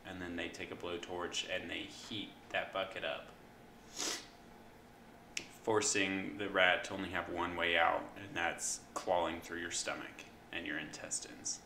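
A young man co-hosting a casual podcast, explaining slowly and hesitantly with fillers. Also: low voice, level tone, gravelly, bright, forceful tone, slight background noise. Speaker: podcast co-host. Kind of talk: casual chat.

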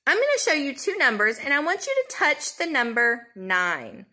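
A woman in her thirties leading a children's counting lesson, talking simply and in a sing-song way as to a toddler, with questions and pauses for answers. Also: sits high, wildly swooping pitch, sharp tone. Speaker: preschool teacher.

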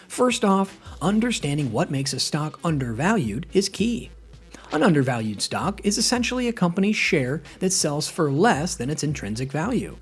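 A scripted narrator reads a finance explainer in an even, practiced cadence, the pitch rising and falling with a lively swing. Soft music sits faintly underneath the voice. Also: husky. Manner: steady explainer reading a list.

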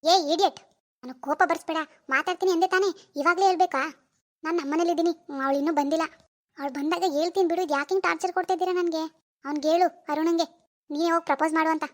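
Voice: extremely high pitch, fairly even intonation, fast talker. A voice actor doing snappy cartoon schoolgirl Bhavya. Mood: irritated. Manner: snappy, exasperated talk. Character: schoolgirl Bhavya, quick-tempered, easily annoyed. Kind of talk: cartoon voice acting.

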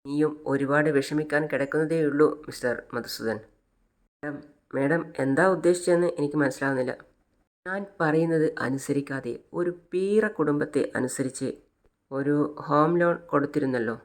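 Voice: medium pitch, moderate pace, close to an everyday voice. A storyteller voicing a stern wealthy woman who coldly lectures a bank manager, in a retold television serial. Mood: scornful.

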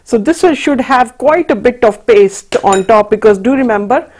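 Cooking show host: woman, middle-aged, fairly high pitch, instructional, slips into Hindi and Punjabi phrases. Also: expressive, normal speed, darkish tone. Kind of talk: live cooking demonstration. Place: indoor TV studio kitchen.

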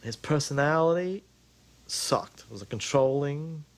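A man giving a frank, measured opinion in a documentary interview. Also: on the high side, animated.

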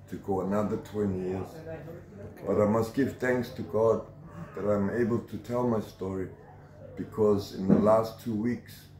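A man's voice: fairly low pitch, warm tone, echoey room, rough recording. A South African man in his forties, telling his life story as an interviewee in a tough, emphatic way with strong conviction, filmed at close range on a phone camera. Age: 40s. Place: outdoor shelter against a corrugated metal wall.

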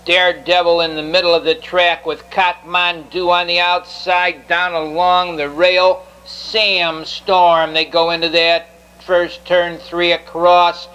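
High, bright-voiced male race caller. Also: little pitch movement, slow pace, clean tone, rough recording. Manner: race caller's clipped running call of positions. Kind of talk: live horse race commentary.

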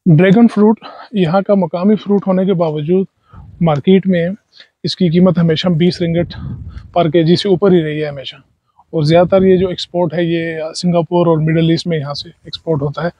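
A man's voice: sits high, steady tone, moderate pace, no echo, highs cut off. A man in his thirties, a travel vlogger, narrating outdoors on a farm into a lapel mic, with devout greetings and pious phrases. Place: outdoors on a dragon fruit farm. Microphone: lapel mic, selfie stick camera.

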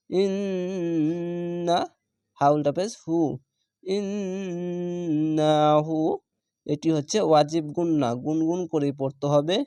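A man teaching Quran reading, spelling out each syllable and then stretching the whole word slowly. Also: a little high, warm tone, no echo, clean studio sound. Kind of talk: step-by-step spelling lesson.

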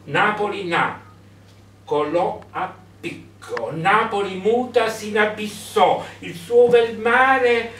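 A man performing a sound poem with a playful, drawn-out, rhythmic recitation at a poetry reading. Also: sits high, a bit bright, recorded from a distance. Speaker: poet reading his work. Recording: echoey room from afar, faint music.

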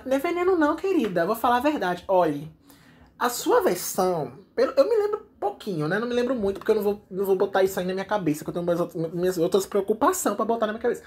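A man's voice: high voice, very animated, fast. A man voicing a sassy, blunt friend who gives his honest opinion. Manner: sassy, blunt, calls others darling.

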